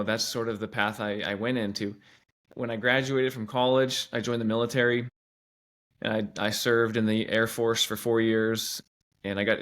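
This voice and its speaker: A teacher in his thirties from Washington State, USA answers interview questions as a guest, speaking earnestly with many restarts and "you know" asides. His voice is fairly low in pitch with a fairly bright tone.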